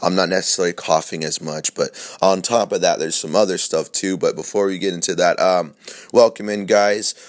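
Speaking fairly quickly in a deep, steady voice, this young podcast host chats casually on his own show. A sore throat makes him sound scratchy, and his rambling talk is profane, loose, and full of fillers and false starts.

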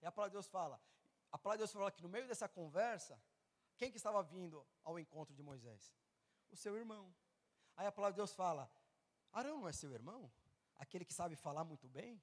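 A man with a strikingly high voice preaches in a big hall, and his words ring with a long reverb. He acts out the dialogue of Bible figures and of his listeners, and swings from quiet asides to loud, fervent passages. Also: expressive, fast. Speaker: pastor. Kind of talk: sermon. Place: large church hall or event venue.

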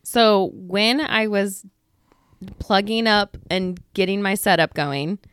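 A woman around thirty hosts her own podcast in casual chat. She is blunt, laughs easily and swears freely. Her voice sits at a middle pitch and sounds dry and close. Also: slow, a bit bright, smooth, dry recording. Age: 30s. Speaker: podcast host.

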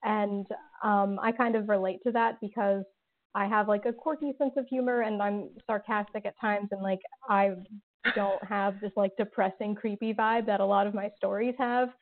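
A woman who creates podcasts and writes is a guest in a casual interview, chatting with lots of "like" and "um" fillers and a sarcastic sense of humor. Her medium-pitched voice has fairly even intonation at normal speed, heard over a tinny, phone-like line.

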